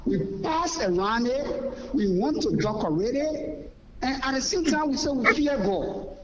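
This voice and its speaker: Preaching caller on a muffled line. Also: male voice, extremely high pitch, expressive, a little slow, reverberant, slight background noise. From Liberia. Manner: preaching, emphatic and repetitive. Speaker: pastor caller. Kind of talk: phoned-in talk show call.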